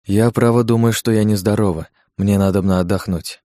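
A man's voice: on the low side, steady tone, brisk, dark tone, no room sound, clean studio sound, lightly acted. A man reading as a tender, frightened young woman. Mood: alarmed.

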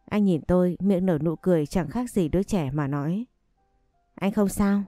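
A woman's voice: on the low side, a little fast, mellow, no echo, studio quality, soft background music. A woman narrating a dramatic first-person story with heartfelt emotion.

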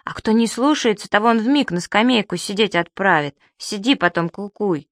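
For an audiobook, a woman voices an earnest little boy issuing worried warnings, pitching her mid-range voice above her natural one while keeping it close to an everyday sound. She speaks at a moderate pace, and the studio-quality recording has no room sound.

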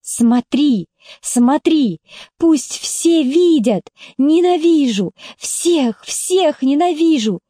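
A headstrong seventeen-year-old girl snaps and scolds in a raised, high voice, played by a woman reading an audiobook. The tone stays mellow rather than sharp. The sound is close and dry. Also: lively intonation, no echo. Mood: furious. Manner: quick-tempered, shouting and scolding. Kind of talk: audiobook character voice.

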